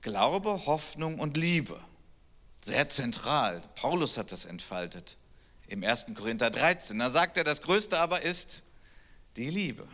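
A man preaching a sermon, animated and emphatic, drawing out key words slowly. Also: medium pitch. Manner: animated, emphatic preaching with slow drawn-out stresses. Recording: long church-hall reverb.

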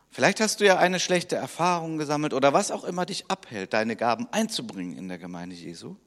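A man preaching a sermon as pastor, animated and lively, dropping at times to soft near-whispers for emphasis. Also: mid-range voice, in a large hall.

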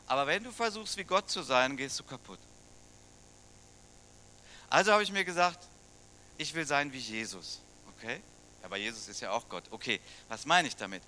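Bright-voiced German pastor preaching. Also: male voice, mid-range voice, lively intonation, moderate pace, long pauses, slight background noise. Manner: conversational, asks the congregation questions. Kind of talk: sermon.

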